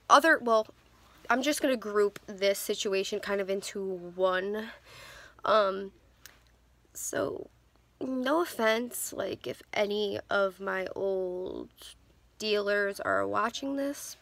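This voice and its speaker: A woman's voice: mid-range voice, a bit bright, dry recording. Candid young woman telling stories. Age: 20s. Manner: candid, rambling with many ums and restarts. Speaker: vlogger. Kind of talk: casual storytelling to camera. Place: in a car. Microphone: phone camera.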